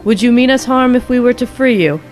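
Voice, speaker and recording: A woman's voice: on the high side, expressive, fairly quick, a little mellow, faint music behind, pitched above the performer's own voice, lightly acted. A woman voicing a curious, polite and kindly half moon elf with a formal, courteous manner. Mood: earnest, formal.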